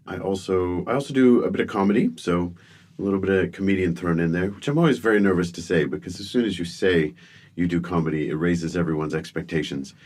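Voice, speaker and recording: A deep, darkish voice and fast delivery mark this middle-aged comedian, born in the UK to American parents. Guesting in a relaxed interview, he tells self-deprecating stories with a wry edge and lots of restarts.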